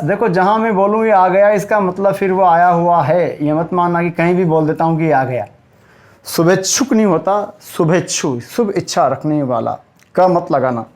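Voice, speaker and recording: Hindi teacher drilling words at a whiteboard. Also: male voice, sits high, a little mellow. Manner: asks rhetorical questions and answers them himself; calls listeners "sir" and "buddy" in a friendly way. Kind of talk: whiteboard lecture for exam students.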